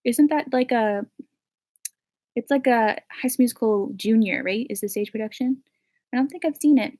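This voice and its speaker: Chatty teen girl, slightly high voice. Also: normal speed, warm tone. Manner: chatty, full of "like" and "um" fillers. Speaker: vlogger answering viewer questions. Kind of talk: casual Q&A chat.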